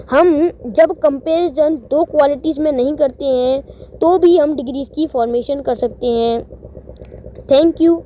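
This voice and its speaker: A woman gives a grammar lesson at a deliberate, unhurried pace. Her high, mellow voice reads each rule out slowly before she explains it step by step. A faint noise sits behind the recording. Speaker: English grammar teacher.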